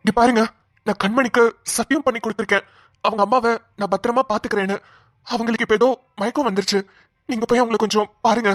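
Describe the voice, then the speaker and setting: A woman's voice: on the high side, fairly even intonation, quick pace, no echo, studio quality, close to an everyday voice. A woman voicing an earnest, guilt-ridden young man in a cartoon, who speaks in a pleading way. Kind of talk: cartoon voice acting.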